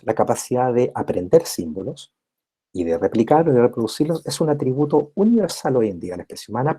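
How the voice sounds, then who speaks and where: A man's voice: medium pitch, dark tone, breathy edge. A man giving a recorded university lecture, explaining step by step and often checking in with his listeners. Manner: constant tag checks with listeners; explanatory, repeats and rephrases points.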